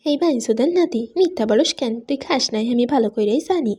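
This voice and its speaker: A woman reading a gruff young husband, blunt and foul-mouthed, rustic teasing talk, fairly high, husky, mellow tone, audiobook. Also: moderate pace. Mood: scolding. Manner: coarse, teasing, rustic dialect speech.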